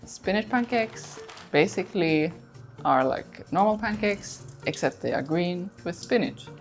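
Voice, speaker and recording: A woman from Finland calmly explaining a home dish as a guest, in a measured, friendly way. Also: on the low side, soft background music.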